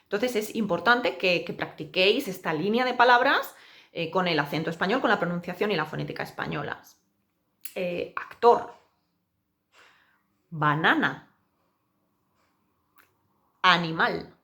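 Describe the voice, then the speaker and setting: A woman teacher giving a pronunciation lesson, saying example words slowly and with exaggerated care. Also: lowish voice, animated, fairly bright tone. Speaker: Spanish teacher.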